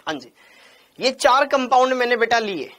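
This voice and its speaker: A man's voice: very high voice, expressive, moderate pace, pushed and bright. A man teaching chemistry in an online class, drilling points over and over and scolding students by name. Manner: calls students by name and "beta".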